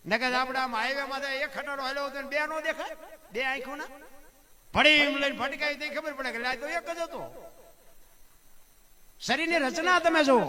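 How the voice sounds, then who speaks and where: A man, telling a folk tale live on stage and preaching to his listeners, whom he keeps calling "bapu" while asking them rhetorical questions. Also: extremely high pitch. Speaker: folk storyteller. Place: stage before a seated audience. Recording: live audience crowd audible.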